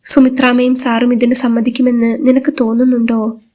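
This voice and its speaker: Woman voicing a middle-aged mother, widowed, gentle, firm, soothing, high, steady pitch. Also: a little fast, lightly acted.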